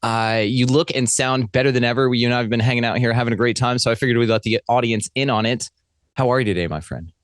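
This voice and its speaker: A man's voice: medium pitch, fairly even intonation, quick pace, no echo, studio quality. A man hosting a podcast in casual interview chat, effusive and friendly, calling his guest brother and friend. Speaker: podcast host.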